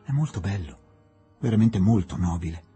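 A man playing an excitable, courteous young doctor who speaks emphatically and earnestly. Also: deep voice, moderate pace, soft background music, pitched below the performer's own voice.

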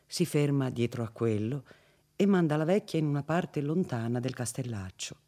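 Man reading a classic novel aloud, steady, measured, mid-range voice. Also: medium pitch. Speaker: audiobook narrator. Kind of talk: literary reading.

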